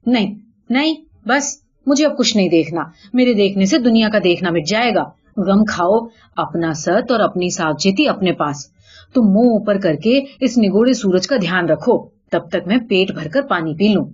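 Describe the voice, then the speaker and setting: A woman's voice: mid-range voice, expressive, a little mellow, breathy edge, highs cut off. A woman voicing a vain, coy female jackal who complains indignantly and pleads with her husband in a told folk tale. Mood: indignant pleading.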